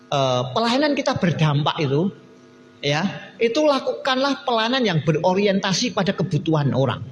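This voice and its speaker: A male pastor with a Javanese accent preaching a sermon in church, lively and acting out the people in his stories. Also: high-pitched, echoey room, big-room sound, muffled recording, slight background noise. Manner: animated preaching, acting out quoted church members.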